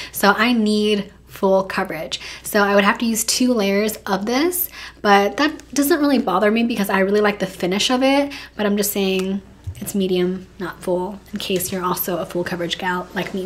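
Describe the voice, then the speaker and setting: A young woman with a hoarse, raspy voice that keeps cracking, chatting casually through a makeup review at home. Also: medium pitch. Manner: chatty, animated, drops to whispers. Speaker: beauty YouTuber.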